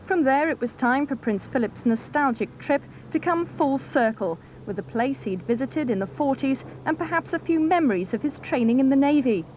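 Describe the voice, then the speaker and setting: A woman TV news reporter reading a scripted report in a measured, even way, heard from a worn VHS tape copy. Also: high-pitched, low-quality recording. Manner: measured, even newsreader delivery. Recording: hissy worn videotape copy.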